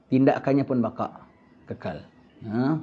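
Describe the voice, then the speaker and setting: A man's voice: mid-range voice, unhurried. A man giving an Islamic lecture, preaching animatedly with rhetorical questions and sudden emphatic bursts. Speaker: religious teacher. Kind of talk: Islamic lecture in casual colloquial Malay. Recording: muffled lo-fi lecture recording.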